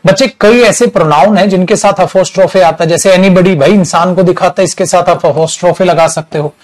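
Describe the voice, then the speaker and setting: A man's voice: high-pitched, darkish tone. A middle-aged man teaching English grammar in a casual, teasing lecture style, calling students "beta". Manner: slow, chatty, teasing, calls students beta.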